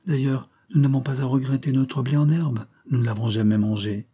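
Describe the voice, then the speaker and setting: A man's voice: mid-range voice, steady tone, brisk, warm tone, slightly rough, lightly acted. A man voicing a bitter, proud young woman in a storybook reading, speaking in a cutting, strained way. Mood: cold.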